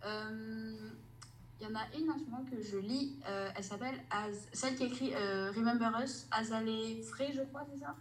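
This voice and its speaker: A woman's voice: a little high, moderate pace, slight background noise, low-quality recording. A woman author as a podcast guest, rambling casually and often stopping to search for names.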